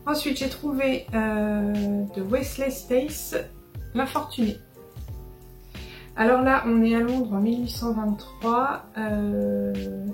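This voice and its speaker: A woman's voice: medium pitch, a little mellow, echoey room. A woman casually chatting through a book haul, hesitant, with many fillers and restarts. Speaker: book vlogger.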